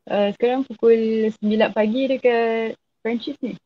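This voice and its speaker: A woman, speaking Malay as an in an interview, haltingly searching for words. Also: a little high, fairly even intonation. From Madagascar. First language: not a native Malay speaker. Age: 20s. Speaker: guest. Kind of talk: interview conversation. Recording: slightly dull online video call.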